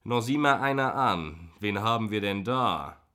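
A man's voice: low voice, moderate pace, a bit bright. A man reading an audiobook, voicing a loyal, grinning male police officer who teases in a friendly way. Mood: teasing. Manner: teasing, friendly.

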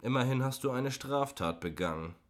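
A man's voice: medium pitch, lively intonation, normal speed, pitched above the performer's own voice, natural voice. A man reading an audiobook, voicing a blustering, bigoted middle-aged male driver who rants and talks down to people. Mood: ranting. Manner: ranting, condescending.

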